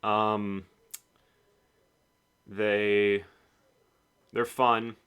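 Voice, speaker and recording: A man's voice: lowish voice, little pitch movement, very slow, clear, resonant tone, highs cut off. A man casually narrating a game devlog in a rambling, offhand way. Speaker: game developer.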